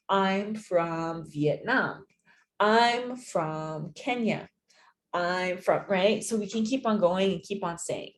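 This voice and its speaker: Slow, patient woman teaching English. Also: mid-range voice. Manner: slow, patient, repeats phrases and checks with "right?". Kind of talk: distance-learning lesson.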